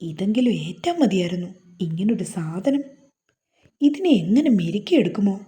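A woman's voice: mid-range voice, sing-song, normal speed, mellow, lightly acted. A woman voicing a sulky young husband who turns playfully teasing in a romance novel reading. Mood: grumbling.

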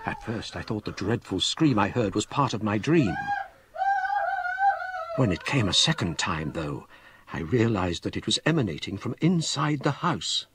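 An actor playing a scholarly gentleman narrating his ghost story in measured, grave, literary style. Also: lowish voice, sing-song, heavy background noise. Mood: grave, haunted. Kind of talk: dramatic scripted narration.

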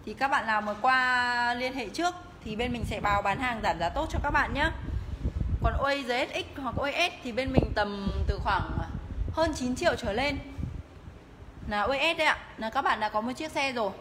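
A woman giving a live, promotional sales pitch as she walks through shop rooms, repeatedly urging viewers to get in touch. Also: moderate pace. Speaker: motorbike shop livestream seller. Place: tiled indoor motorbike showroom rooms and stairwell. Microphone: handheld phone, held by the walking speaker. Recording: noisy phone audio in echoing hard-walled rooms.

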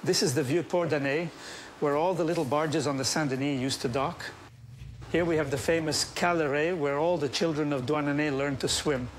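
Chatty fifty-something baker, outdoors, a little higher voice, noisy surroundings. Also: male voice, fairly even intonation, moderate pace. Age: 50s. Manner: chatty, repeats himself. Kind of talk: casual chat on a walk. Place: outdoors at an old harbour.

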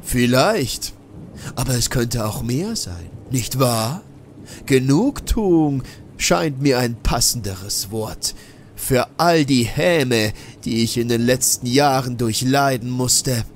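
A man voicing a vengeful old madman, speaking slowly with a mocking, menacing manner in a horror audiobook. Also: mid-range voice, lively intonation, a little hiss or hum. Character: eerie old man, a scheming vengeful mad scientist.

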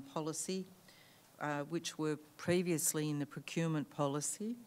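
An Australian woman with a low voice addresses a council meeting as councillor. She speaks hesitantly, with frequent ums and restarts. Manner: hesitant, many ums and self-corrections. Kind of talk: formal council speech.

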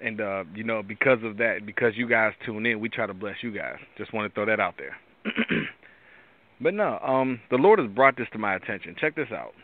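A tired male host with a raspy voice, giving a rambling devotional talk with many restarts. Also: lowish voice, very animated, normal speed. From Pittsburgh area. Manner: rambling, restarts often, preachy asides. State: tired from lack of sleep. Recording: tinny phone-line sound.

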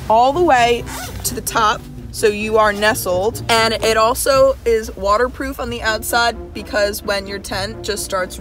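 Giggly woman in her twenties, music behind. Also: mid-range voice. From New York City. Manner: giggly, mock-serious. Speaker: vlogger. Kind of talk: casual joking vlog chat. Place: outdoors at a festival campsite, often inside a tent.

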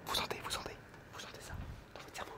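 A man whispering quickly through an ASMR tour of a computer setup. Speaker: tech ASMR creator.

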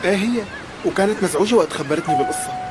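A man's voice: high-pitched, lively intonation, very fast. An actor playing an easygoing, earnest young man in love, in a TV drama dub with a Syrian Arabic accent. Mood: friendly coaxing. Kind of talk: dubbed TV drama dialogue. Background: music.

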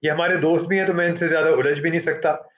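Lo-fi sound carries a middle-aged man from Pakistan introducing an author as moderator of a book launch. His voice runs on the high side with fairly even intonation, and he speaks haltingly, with many fillers and switches into English.

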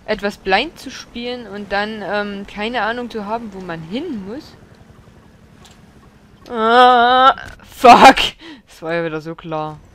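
A woman's voice: medium pitch, moderate pace, hardly any pauses, slight background noise. A woman giving blind let's play commentary, swearing, exclaiming and scolding the enemies aloud.

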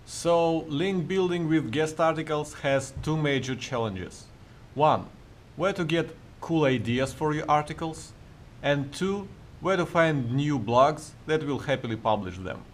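A man's voice: on the high side, lively intonation, unhurried, slight background noise. A man with a Russian accent hosting a marketing tutorial, explaining steps in a friendly, plain way. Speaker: host of a marketing tutorial video.

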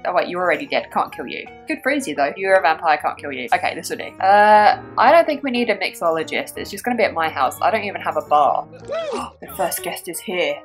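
A woman chatting through a life-sim game as a Let's Play host, giggling and making dark jokes. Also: fairly low pitch. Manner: chatty, giggly, darkly joking. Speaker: gaming YouTuber.

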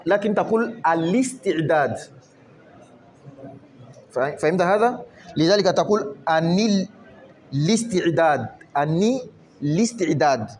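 A man's voice: on the high side, darkish tone, a little hiss or hum. Man teaching, checking understanding with questions. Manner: patient, explanatory, asks rhetorical questions to check understanding. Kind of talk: reading aloud and explaining a story lesson.

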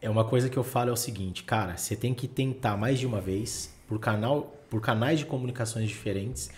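A man's voice: medium pitch, fairly quick. A man hosting a podcast, giving practical advice in a coaching tone and stacking rhetorical questions. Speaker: podcast host. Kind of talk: casual podcast chat.

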